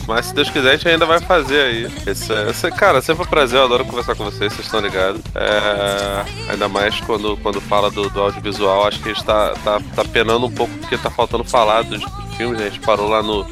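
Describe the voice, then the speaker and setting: A man with a carioca Rio accent chatting casually as a podcast guest, in a slangy, halting way with repeated words. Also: on the low side, flat delivery. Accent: carioca (Rio de Janeiro) Brazilian Portuguese. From Rio de Janeiro, Brazil. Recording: music playing behind the voice. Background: background music.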